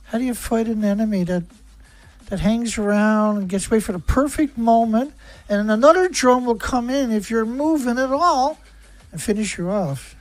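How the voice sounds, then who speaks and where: A man's voice: very high-pitched, moderate pace, dry recording, soft background music. Angry ranting man on a livestream. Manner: angry, profane, hammering rhetorical questions. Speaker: livestream host.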